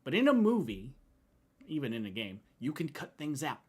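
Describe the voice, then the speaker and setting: Conversational man with mid pitch. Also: huge pitch swings, moderate pace, breathy edge. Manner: conversational, builds points with comparisons. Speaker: co-host. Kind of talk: casual movie review chat.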